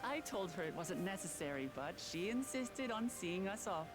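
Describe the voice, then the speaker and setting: A woman's voice: mid-range voice, expressive, normal speed, natural voice. A woman voicing an earnest, humble young princess in a video game, sincere and plain-spoken. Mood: fond, sheepish. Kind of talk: video game cutscene acting. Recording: game music behind the voice.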